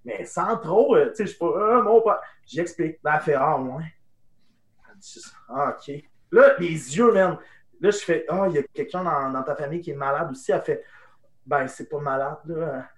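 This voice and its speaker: A young man with a Québécois French accent telling an animated anecdote in casual chat, dropping to hushed tones for the punchlines. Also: on the high side, moderate pace, reverberant. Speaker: improv guest. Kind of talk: casual storytelling.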